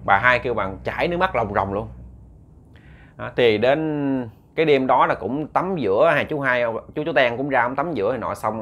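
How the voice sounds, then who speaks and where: A young man with a Southern Vietnamese accent hosts as a storyteller, narrating a ghost story chattily and addressing his listeners directly. His voice is mid-range and a bit bright, with a little hiss or hum in the audio.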